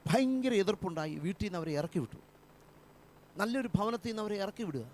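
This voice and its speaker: Pastor, male; fervent repeating sermon delivery, higher voice, light hum. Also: fast talker, a little mellow. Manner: fervent preaching with repeated phrases. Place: church.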